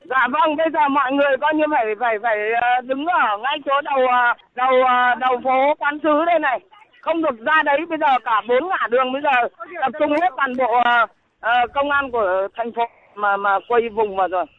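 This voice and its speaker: A woman calling in as an eyewitness, speaking in a halting, indignant way over the phone. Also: sits high. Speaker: eyewitness caller. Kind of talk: phone interview. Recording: tinny phone line.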